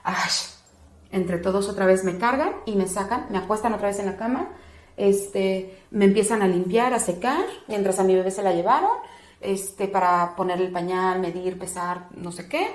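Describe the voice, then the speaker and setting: A doula being interviewed speaks in a mid-range voice at a moderate pace, recounting a personal experience. She's animated, acting out what others said in a raised voice, while the recording echoes like a large room.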